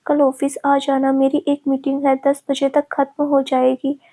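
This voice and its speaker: A woman voicing a doting young man who speaks tenderly and jokes gently with his fiancée, in a storybook reading. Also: high-pitched, completely flat delivery, a little slow.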